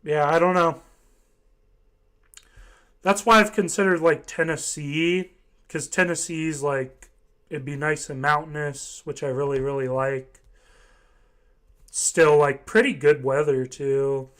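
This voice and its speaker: Rambling young man, slightly high voice. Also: fairly even intonation, slow pace, long pauses, a bit bright, clean tone. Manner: rambling, hesitant, many fillers. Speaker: voice chat participant. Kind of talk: casual chat.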